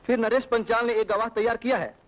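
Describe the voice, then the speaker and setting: A man's voice: extremely high pitch, steady tone, a little fast, highs cut off. An actor playing a corrupt officer laying out a plan to frame a man in a dubbed film drama. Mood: scheming. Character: scheming corrupt police officer briefing a plot. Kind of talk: Hindi-dubbed film acting.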